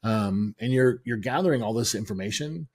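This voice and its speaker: Low and husky, the voice belongs to a middle-aged American sales and software founder walking an interviewer through how he sells. He keeps a steady, measured pace, often pausing with "um."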